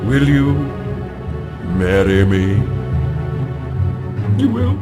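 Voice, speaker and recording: An actor playing a scheming, greedy villainous count in a video game, with an oily, hammy, grandiose delivery. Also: male voice, lowish voice, huge pitch swings, very slow, heavily acted. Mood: oily, mock-tender. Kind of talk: video game character acting. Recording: loud music behind the voice.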